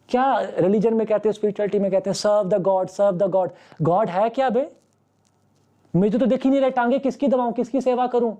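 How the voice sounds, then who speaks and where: A man's voice: high voice, mellow. A man who teaches maths, giving a fatherly motivational talk to students in an online class and asking them rhetorical questions.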